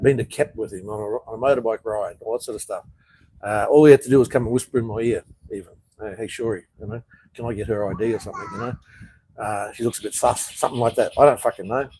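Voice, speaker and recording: A man's voice: mid-range voice, a little mellow, low-quality recording. An Australian man hosting a casual live chat, reading viewer comments and answering bluntly, swearing often and calling people "mate".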